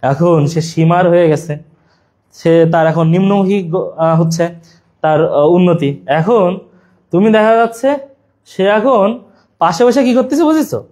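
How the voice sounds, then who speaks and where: A man's voice: high-pitched, moderate pace, long pauses, a little mellow. A young man leads an exam-prep lesson. He talks to his students in a chatty way and builds playful memory tricks into the teaching.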